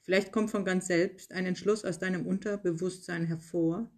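This is a slow, scripted guided relaxation meditation: a yoga nidra guide with a medium-pitched voice reads it in calm, short, measured phrases, pausing often.

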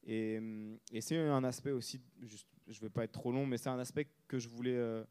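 A man from France, an author and former reporter, answering interview questions in a measured, reflective way and often pausing to find his words. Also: mid-range voice, fairly even intonation, darkish tone, smooth.

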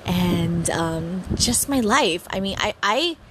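This podcast host, a Hawaiian woman in her thirties, chats at home while introducing her show, frequently stumbling, starting over and giggling. Her voice sits on the low side with lively intonation, she speaks slowly, and there's noise in the background.

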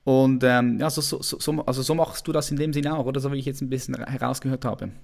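A man's voice: medium pitch, steady tone, fast, gravelly. A man hosting a video call interview, talking casually and often repeating his words. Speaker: interview host.

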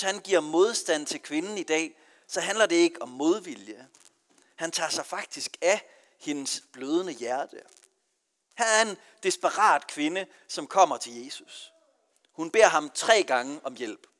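Male pastor from Denmark, earnest sermon delivery, slightly high voice, long church echo. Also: a bit bright. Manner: earnest preaching with marked rises and falls in emphasis.

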